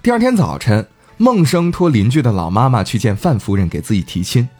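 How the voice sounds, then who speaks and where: A man hosting a podcast, telling a folk tale in a chatty, animated way. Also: mid-range voice, fairly quick, slightly rough, soft background music. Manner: chatty, animated, laughing asides. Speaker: podcast host. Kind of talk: casual storytelling.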